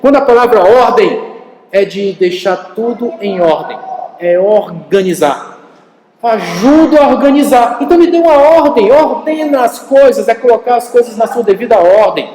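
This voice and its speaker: A Brazilian pastor with a high, light man's voice preaches in a lively storytelling way, often turning to the congregation with direct questions. His voice rings out with a long reverb that fills a big church hall. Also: a little slow. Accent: Brazilian Portuguese. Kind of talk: sermon.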